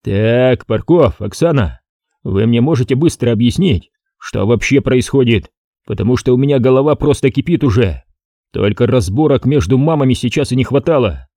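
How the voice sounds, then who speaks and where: A man voicing a gruff, impatient middle-aged police chief who talks in slang, in an audiobook. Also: medium pitch, expressive, moderate pace, warm tone, no echo, studio quality.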